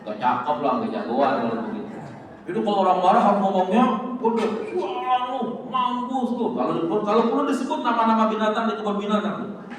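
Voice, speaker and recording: A high-pitched male preacher gives a lively, joking mosque sermon studded with Arabic quotations. His voice rings through a big hall with long reverb. The mic sits well away from him, with a faint hiss underneath. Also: fast talker. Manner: lively, joking, acts out angry speech. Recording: echoey hall, distant mic, faint noise.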